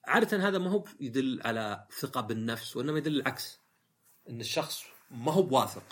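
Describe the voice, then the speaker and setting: A man's voice: mid-range voice, animated, quick pace, slightly rough. A man hosting a casual monologue podcast, reflective and rambling, with frequent fillers and self-corrections. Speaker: podcast host.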